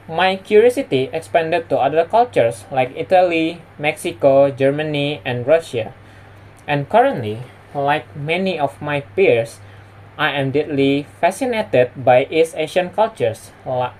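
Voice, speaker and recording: A man's voice: a little high, darkish tone, poor audio. A young man from West Sumatra, a native Indonesian and Minang speaker with an Indonesian accent, giving a prepared personal presentation as a student. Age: young adult.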